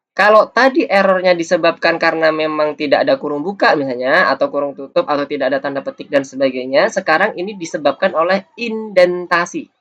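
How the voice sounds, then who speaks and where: A man's voice: on the high side, fairly bright tone. A man teaching a coding lesson over a screencast, explaining patiently step by step. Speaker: programming teacher. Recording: dull lo-fi audio.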